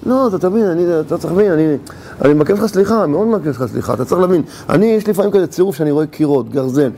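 A man's voice: fairly high pitch, animated, dark tone, slight background noise. A man acting out a fellow with an axe who stammers apologies and lame excuses for smashing walls. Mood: sheepish pleading.

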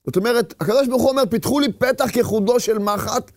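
A man's voice: very high-pitched, no echo. A man giving a Torah lecture with passion, firing rhetorical questions and acting out inner voices. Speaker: religious teacher.

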